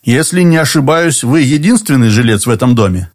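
A man reading an audiobook, voicing a calm, persistent lawyer who speaks evenly and deliberately. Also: mid-range voice, close to an everyday voice. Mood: calm, insistent. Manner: even, deliberate and insistent.

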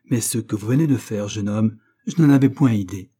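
A man's voice: lowish voice, brisk, mellow, slightly rough. A man voicing a proud, righteous nobleman and sea captain who speaks with stern, declamatory force. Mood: indignant.

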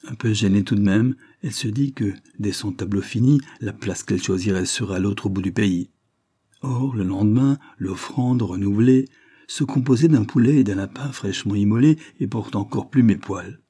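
A man narrates a literary short story with measured, expressive pacing. His voice sits low and has a slightly husky grain, and the recording sounds dry and close. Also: no echo. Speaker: audiobook reader.

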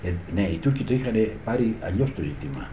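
A man's voice: fairly low pitch, lively intonation, a little hiss or hum. Rambling older man on old tape. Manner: rambling, repeats "you understand" often. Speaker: guitar teacher recalling the past. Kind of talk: conversational reminiscing. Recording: echoey room, dull old tape.

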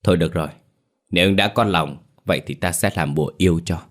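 A man's voice: low-pitched, fast talker, lightly acted. A man voicing a stern, doubtful old village sorceress in a folk horror tale.

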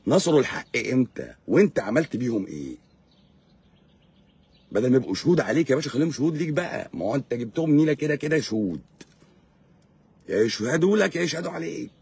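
A man's voice: medium pitch, sing-song, fast, vocal fry, long pauses, a little mellow, slightly rough. A man with an Egyptian accent, a doctor hosting a live stream, lecturing in a sarcastic, mocking way. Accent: Egyptian Arabic. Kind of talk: casual live-stream monologue.

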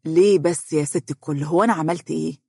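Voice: mid-range voice, fast talker, gravelly, a little mellow, husky, dry recording, clean studio sound. A narrator voicing a playful young man coaxing his mother, with an Egyptian accent. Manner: coaxing, teasing.

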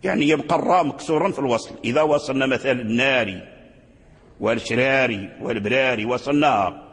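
A man's voice: mid-range voice, fast, fairly bright tone, slightly rough, long reverb tail. A man teaching Quran readings in an explanatory lecture. He repeats words and restarts often, and sometimes chants the example words.

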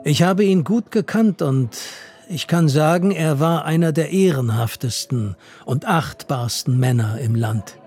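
A man's voice: fairly high pitch, a little slow, a little mellow, slightly rough. A man voicing an earnest, stern old officer in a radio reading of a novel, with music underneath.

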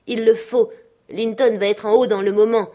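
A woman reading the part of a passionate, brooding man who speaks urgently and forcefully. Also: mid-range voice, normal speed, close to an everyday voice.

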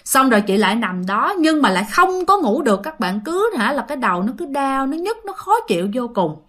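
A woman with a Southern Vietnamese accent tells a ghost story, chatting with her listeners as she goes. Her voice sits on the high side and swoops up and down with a lot of expression. The telling feels casual and conversational. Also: very animated, fairly quick, a bit bright. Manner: chatty, addresses listeners directly.

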